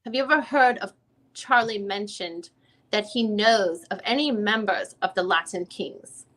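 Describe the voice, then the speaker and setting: A woman with a medium-pitched, slightly slow and somewhat bright voice, lightly acted, gives a dramatic reading of a legal transcript on a rough recording. She plays a lawyer questioning a witness at a deposition, formal, methodical and probing.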